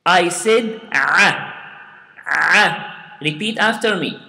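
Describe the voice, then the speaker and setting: A man's voice: sits high, very slow, vocal fry, pushed and bright. A man teaching Quran recitation step by step, patiently repeating sounds and asking learners to say them after him. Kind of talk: slow step-by-step recitation lesson. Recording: echoey room with long reverb.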